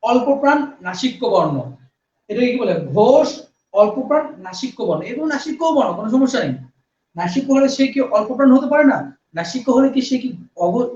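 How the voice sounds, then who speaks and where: Fast, high-voiced male teacher, echoey. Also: darkish tone. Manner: explains by asking and answering himself, repeats key points. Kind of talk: grammar lesson. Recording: echoey, distant, dull sound.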